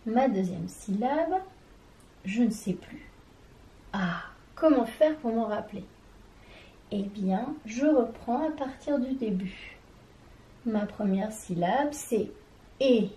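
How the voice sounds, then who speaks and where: Slow, mellow woman teaching a lesson. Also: a little high, lively intonation, reverberant, rough recording. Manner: slow, careful, syllable by syllable; addresses the child directly. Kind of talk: children's reading lesson.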